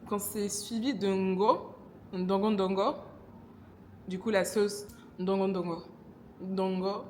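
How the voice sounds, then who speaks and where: A woman's voice: medium pitch, fairly even intonation, slow, a little hiss or hum. A young woman from Congo with a Congolese French accent, chatting casually in her vlog, often correcting herself and laughing at herself. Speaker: vlogger.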